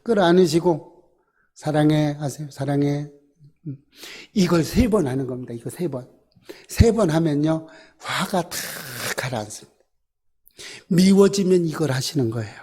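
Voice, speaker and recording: Pastor, male, high-pitched, church sermon; repetitive exhortations, sudden drops to near-whisper. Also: animated, moderate pace, husky. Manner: swings between loud exhortation and hushed, soft asides; repeats short commands to the congregation. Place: church sanctuary.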